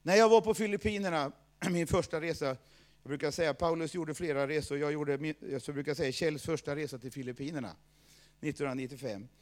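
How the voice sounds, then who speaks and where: A man preaching a sermon, telling a personal story, swinging between loud outbursts and low asides.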